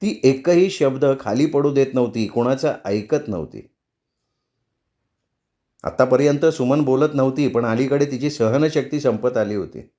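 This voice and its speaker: A man's voice: mid-range voice, a little slow, mellow. Male storyteller reading a novel. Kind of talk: scripted novel narration.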